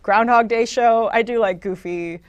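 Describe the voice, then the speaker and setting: A woman's voice: on the high side, normal speed, clean tone, dry recording, lo-fi sound. A young woman chatting casually as a podcast guest, rambling with lots of "like" and laughing often. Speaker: guest, Elvis impersonator. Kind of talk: casual podcast interview chat.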